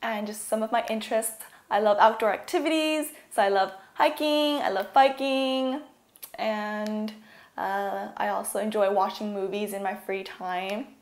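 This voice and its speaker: A woman's voice: medium pitch, a little slow. Young Californian woman presenting in a roomy space. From California, USA. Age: young adult. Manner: casual, uses "like" and "um" often. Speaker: university student. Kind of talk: presentation talk.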